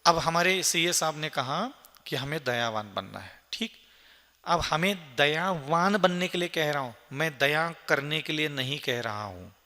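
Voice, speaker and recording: A man's voice: on the high side, animated, measured pace, bright, forceful tone. A man, a monk, preaching to an audience in an earnest, emphatic way, using lists and rhetorical questions. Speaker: Jain monk giving a Q&A discourse. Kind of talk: sermon answering questions. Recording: long hall reverb.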